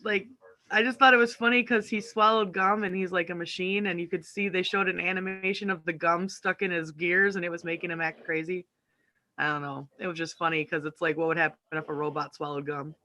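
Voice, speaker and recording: A man co-hosting a casual live show from home over a video call, playful and quick to laugh. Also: sits high, level tone, pushed and bright. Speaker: co-host of a live online talk show. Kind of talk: casual joking chat. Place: at home, family in kitchen nearby.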